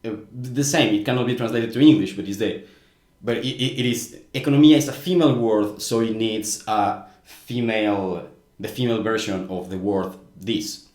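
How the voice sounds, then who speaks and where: A Mexican man whose first language is Spanish speaks English with a Mexican accent, earnestly explaining grammar in casual commentary with frequent small restarts. His voice is fairly low and darkish at a moderate pace, with reverberation.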